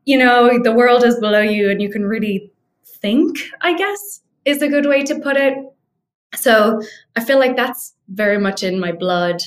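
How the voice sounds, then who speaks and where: A young Irish woman from Dublin, a guest on a video call, speaking in an articulate, measured way about her life. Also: a little high, animated. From Ireland. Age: young adult. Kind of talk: reflective interview storytelling.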